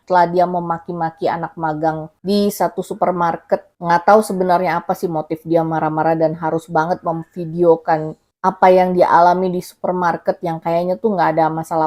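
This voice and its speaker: A woman's voice: lowish voice, warm tone. A woman vlogger giving casual, rambling spoken commentary, thinking aloud as she goes, recorded on a phone. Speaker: vlogger commenting on a viral case.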